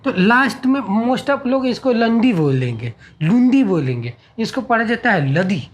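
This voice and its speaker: An Indian man teaching a beginners' French lesson, repeating words one at a time in a slow, halting classroom delivery. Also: very high-pitched, sing-song.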